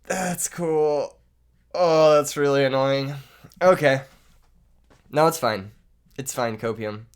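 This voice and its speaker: A smooth, medium-pitched voice taken slowly belongs to a young gaming YouTuber who has lost his voice to illness. He jokes, laughs often and teases himself while commentating his card game live.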